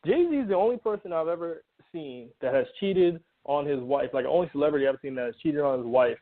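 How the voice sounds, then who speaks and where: A man co-hosting a podcast, animated and indignant as he recounts celebrity news in casual chat. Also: a little high, fairly quick. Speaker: podcast co-host. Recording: tinny phone line.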